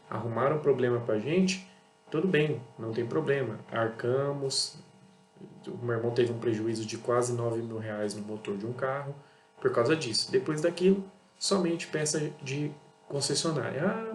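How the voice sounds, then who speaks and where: Blunt Brazilian man in an echoey room. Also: medium pitch. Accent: Brazilian Portuguese. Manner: blunt, repetitive, acts out dialogues with customers. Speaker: auto parts seller and channel host. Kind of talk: casual monologue to camera. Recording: echoey room with faint hum.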